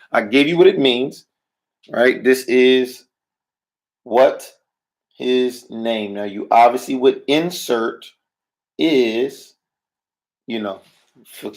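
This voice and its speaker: A man teaching a language class in a slow, unhurried way. His voice is gravelly with a touch of fry. He keeps checking in with "right?" and asks his students questions. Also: mid-range voice, a bit bright. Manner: checks in often with "right?" and "all right?". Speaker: Hebrew teacher. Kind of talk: classroom lesson.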